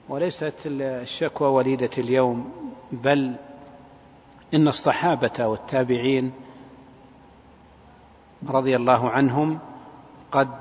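Male religious lecturer in an echoing hall. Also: mid-range voice. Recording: dull, echoing hall, faint noise.

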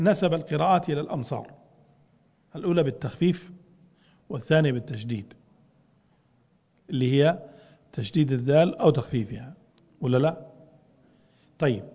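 رجل يشرح نصًا في درس، ويطرح أسئلة ثم يجيب عنها بنفسه. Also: male voice, fairly high pitch, darkish tone, big-room sound. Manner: explains with questions he answers himself. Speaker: teacher explaining a classical text. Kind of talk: lecture.

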